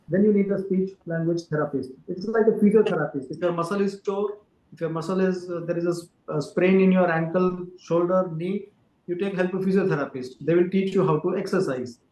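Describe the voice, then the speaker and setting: A man speaks as a doctor, explaining things patiently and filling pauses with "uh". His voice sits slightly high. The room around him rings with a noticeable echo. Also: mellow, muffled recording. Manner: careful explainer with frequent fillers. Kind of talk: explaining to an interviewer. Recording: roomy echo.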